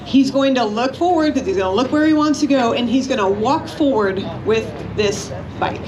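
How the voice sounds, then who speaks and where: A woman's voice: a little high, expressive, moderate pace, a little mellow, rough recording. A woman giving a live instructional demonstration to a group, conversational and checking in with her listeners often. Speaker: motorcycle riding instructor. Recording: clear background noise.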